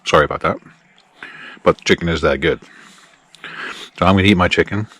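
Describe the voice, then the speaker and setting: A man with a low, deep voice chats easily to camera from outdoors at his campsite. His manner is relaxed and friendly, and he speaks straight to his viewers as he settles in by the campfire. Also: brisk, slightly rough. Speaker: camping vlogger. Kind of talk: casual vlog talk to camera.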